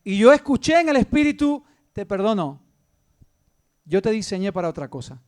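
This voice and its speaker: A man with an Andalusian Spanish accent preaches with a high-pitched voice. He swings between loud, emphatic lines and hushed, intimate storytelling. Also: very animated, moderate pace. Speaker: pastor. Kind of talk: sermon.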